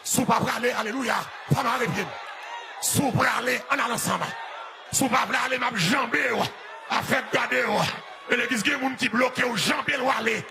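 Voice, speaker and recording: High, gravelly shouting Haitian preacher. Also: male voice, brisk. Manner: chanting, half-singing refrains; repetitive call-and-response lines. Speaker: pastor. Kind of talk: shouted fiery sermon. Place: church service. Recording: loud church music and crowd noise. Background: live music and congregation.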